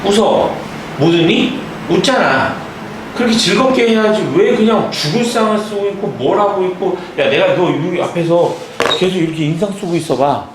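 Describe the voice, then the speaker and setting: A young male math tutor scolding and lecturing his class, his voice a little high for a man. He keeps breaking off to ask if they follow. The sound is very echoey, picked up from well across a noisy room. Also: animated, recorded from a distance. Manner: scolding, lots of quick check-in questions. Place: academy classroom.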